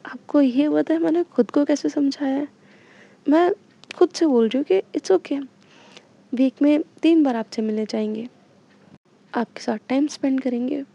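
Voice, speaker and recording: A woman's voice: high-pitched, moderate pace, gravelly, long pauses, mellow, highs cut off. A woman voicing a tender young woman who pleads and apologizes to her partner. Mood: pained.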